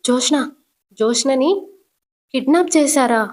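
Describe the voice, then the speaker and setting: A woman's voice: high voice, moderate pace, a little mellow, natural voice. A woman voicing a frantic middle-aged mother who cries and pleads, her voice rising. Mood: frantic, crying.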